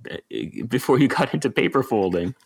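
A man's voice: mid-range voice, animated, brisk, breathy edge. A man hosting a podcast interview, asking long, careful questions. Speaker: podcast host.

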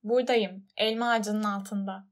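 A woman voicing a calm, wise fox. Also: medium pitch, normal speed, close to an everyday voice.

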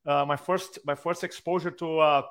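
Smooth and on the high side, this Brazilian-accented man's voice moves at a moderate pace. Appearing from his own room over a video call, the speaking coach tells stories animatedly in a podcast interview, acting out the quotes.

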